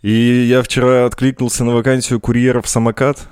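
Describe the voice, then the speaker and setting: A man's voice: mid-range voice, completely flat delivery, fairly quick, a little mellow, smooth, no room sound, studio quality. A man co-hosting a casual podcast, blunt and sweary, who mispronounces his r's with a burred or w-like sound. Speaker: podcast co-host. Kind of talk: casual banter.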